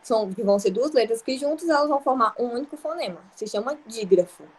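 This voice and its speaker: A young woman with a Brazilian accent and a slightly high voice leads an online grammar class. She explains patiently, step by step, with many examples. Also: animated, a little mellow, breathy edge. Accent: Brazilian Portuguese. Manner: patient, explaining slowly with examples and frequent checks. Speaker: teacher.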